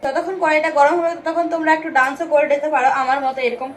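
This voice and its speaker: A woman's voice: high-pitched, fairly even intonation, rapid-fire, heavy background noise. A young woman chatting playfully while she cooks in her home kitchen for a vlog, speaking into a phone camera. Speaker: vlogger. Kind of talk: casual cooking vlog.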